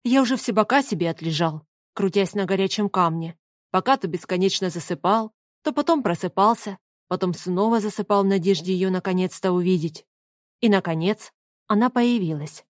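A woman reading a first-person story as an audiobook narrator, in an even storytelling manner. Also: medium pitch, normal speed, no room sound, clean studio sound.

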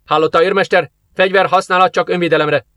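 A man reading an audiobook, voicing a gruff, burly male soldier who barks orders and grumbles sarcastically. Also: mid-range voice, a bit bright, dry recording, close to an everyday voice. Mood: shouting orders. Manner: barking, sarcastic.

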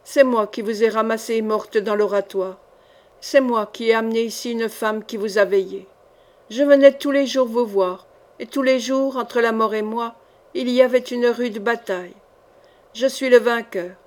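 A woman reading the part of a sinister male poisoner in an audiobook, cold and boastful, in her own slightly high voice. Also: moderate pace, darkish tone, lightly acted.

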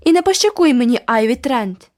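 A woman's voice: medium pitch, sing-song, brisk, breathy edge, no echo, clean studio sound, pitched above the performer's own voice. A woman voicing a sulky, hot-tempered little boy in a storybook reading. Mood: furious. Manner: shouting threats.

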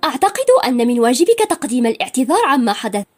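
Fiery proud young woman snapping back, loud and high, as a lady narrator puts her on, husky edge. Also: sing-song, racing, faint music behind. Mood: indignant. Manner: sharp, indignant and raised.

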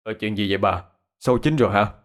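Man doing kind village husband, quiet, low, hesitant. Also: fast talker, over music, natural voice. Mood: frightened. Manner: soft-spoken, polite, hesitant.

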